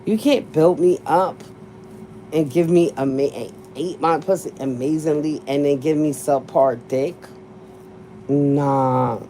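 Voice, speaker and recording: A woman's voice: sits low, measured pace, warm tone, slight background noise. A woman hosting a live stream, chatting with viewers in a blunt, profane way, laughing often. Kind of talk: casual livestream chat with viewers.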